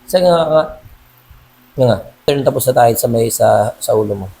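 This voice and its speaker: Mellow-voiced man calmly coaching a client. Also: mid-range voice, normal speed, low-quality recording. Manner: calm, reassuring, adds "sir" to nearly every phrase. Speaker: massage therapist treating a client. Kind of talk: casual instruction during a hands-on treatment.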